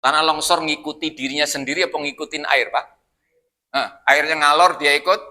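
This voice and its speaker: A male preacher leading a Quran study in a mosque, with a very bright, forceful voice pitched a little high. He jokes and keeps asking his listeners questions, talking loosely and conversationally. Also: fairly even intonation, fairly quick. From Indonesia. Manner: jokey, asks the congregation questions, loose conversational.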